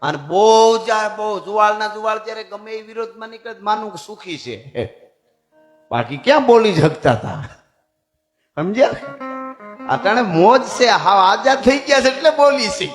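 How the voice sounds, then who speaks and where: Male folk storyteller, Kathiawadi Gujarati accent, high voice, chatty asides; echoey room, music behind. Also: animated, normal speed. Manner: chatty, humorous asides to the audience.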